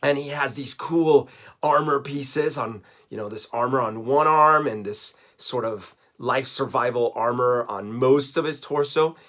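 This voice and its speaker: A man's voice: medium pitch, a little slow, fairly bright tone. A man in his forties from Colombia, telling a casual, rambling story to camera with self-mocking jokes and frequent laughs. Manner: chatty, self-mocking, laughs often while talking. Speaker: vlogger.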